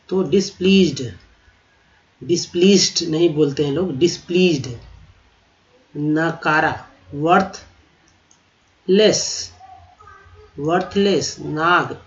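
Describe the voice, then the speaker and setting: A man gives an English vocabulary lesson in a slightly high voice. He spells out and repeats each word at a very slow, deliberate pace. The voice-over sounds dull and lo-fi.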